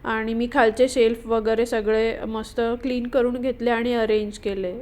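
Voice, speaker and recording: Chatty woman vlogger, slightly high. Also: a little mellow. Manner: chatty, explaining home routines with many fillers. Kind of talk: casual voice-over vlog narration.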